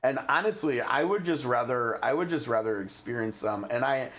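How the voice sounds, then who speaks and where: A man with a Midwestern American accent hosts a casual live game stream. He talks in a chatty way at a middle pitch, thinking aloud as he goes. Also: animated, moderate pace, a bit bright. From Midwestern United States.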